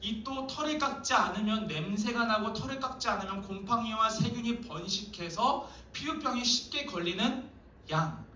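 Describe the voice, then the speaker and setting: High bright guy preaching to teens in an echoey church hall, kinda far from the mic. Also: a little hiss or hum. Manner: lively, acts out quoted dialogue. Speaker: youth pastor. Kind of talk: sermon to youth group.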